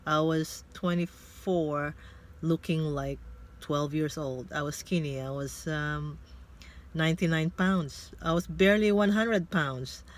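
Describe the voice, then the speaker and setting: A Filipina vlogger in her fifties speaks Tagalog in a low voice from inside a car, sharing a personal story for her casual vlog. She sounds hesitant and reflective, often pausing as she thinks aloud.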